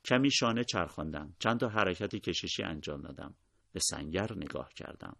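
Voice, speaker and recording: A man narrating a war memoir in a steady, measured storytelling voice, his sentences often dropping quietly at the end. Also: sits low, creaky, no echo, studio quality.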